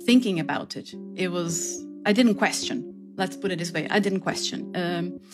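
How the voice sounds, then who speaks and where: With music playing behind her, a Brazilian-accented woman from southern Brazil, a classical singer, recounts her life in a conversational interview. She speaks at normal speed in a lowish voice.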